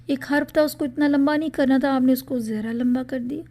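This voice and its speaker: A woman teaching Quran recitation rules in a podcast lesson, explaining patiently and reciting example words slowly, mixing English words into her talk. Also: high-pitched, fairly even intonation, dark tone. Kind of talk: spoken tajweed lesson in a podcast.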